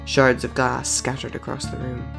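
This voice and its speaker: A narrator reading a story aloud in steady, measured storytelling. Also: mid-range voice, creaky, music in the background.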